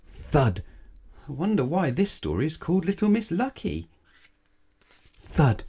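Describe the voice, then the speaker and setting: In a low, darkish, slightly rough voice, a man gives an expressive bedtime read-aloud of a children's story, dramatizing it by stretching and stressing words.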